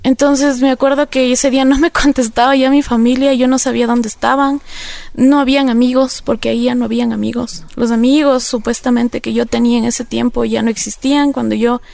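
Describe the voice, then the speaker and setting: Woman, interview guest, earnest reflective testimony, gravelly fry, dry close sound. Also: a little high, little pitch movement, fairly quick, a little mellow, dry recording. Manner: earnest, reflective, many filler phrases. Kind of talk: personal testimony in conversation.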